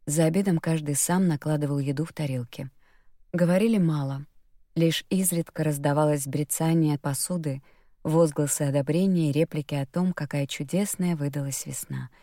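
Low-voiced woman narrating an audiobook. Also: warm tone, no room sound, studio quality. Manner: measured, storytelling.

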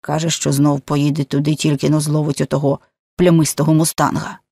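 A woman's voice: deep voice, flat delivery, brisk, vocal fry, dark tone, breathy edge, no room sound, studio quality, exaggerated voice. A woman voicing a chatty, grumbling male servant who mutters to himself and his dog in an audiobook.

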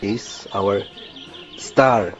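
A man with a Polish accent and a lowish voice hosts a casual podcast chat, teasing his co-host in a halting way and restarting his sentences often. The audio is dull and sits over music.

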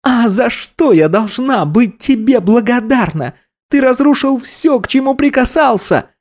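A man's voice: very high voice, lively intonation, unhurried, darkish tone, voice pushed up, full character voice. A man voicing a furious grown daughter in an audiobook, screaming bitter accusations. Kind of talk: audiobook character voice.

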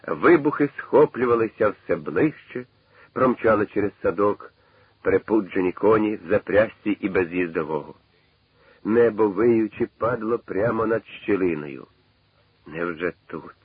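A man narrating a novel in a measured, dramatic literary reading. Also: on the low side, husky, no room sound. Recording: tinny old radio broadcast.

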